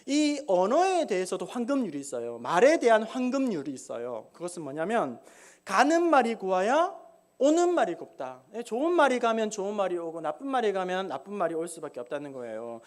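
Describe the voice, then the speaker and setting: Male pastor, sermon, church, animated storytelling, lively pitch, acts out voices. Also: fast, few pauses. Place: church sanctuary.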